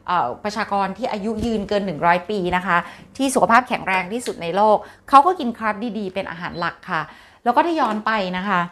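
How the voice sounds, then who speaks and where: A woman talking straight to her viewers in an easy, chatty way. She explains things step by step, mid-pitched, and keeps the talk flowing with polite little tags. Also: expressive, quick pace. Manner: chatty, polite particles, refers to herself by nickname. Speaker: health talk host.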